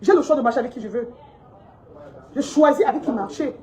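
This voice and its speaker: A woman's voice: high-pitched, brisk, warm tone, rough recording. A woman who owns a shop, giving a heated, scolding monologue to her followers and repeating her points indignantly. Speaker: shop owner vlogging.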